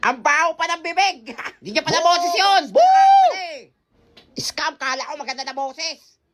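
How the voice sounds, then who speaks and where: A woman narrating a comedy skit in a loud, excitable way, often shrieking and joking. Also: sits high, normal speed, slight background noise.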